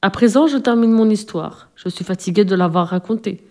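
A woman's voice: mid-range voice, brisk, lightly acted. A woman voicing a very old, wise male animal who tells the tale and reassures the listeners. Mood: gentle, weary. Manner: gentle, reassuring.

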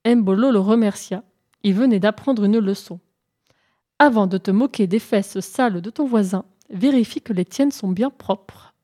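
A woman narrating folk tales for a storybook, reading calmly and evenly. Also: mid-range voice. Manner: calm, measured narration.

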